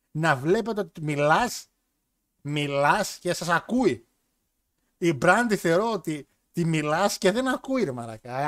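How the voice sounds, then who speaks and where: A man hosting a casual wrestling chat show, joking crudely and putting on voices as he retells stories. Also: a little high. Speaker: podcast host.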